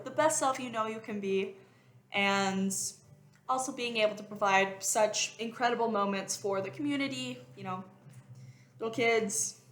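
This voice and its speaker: A woman's voice: medium pitch, fairly bright tone. Young woman, mermaid performer, casual vlog chat, rambling with fillers, echoey room. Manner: chatty, rambling with many fillers and restarts.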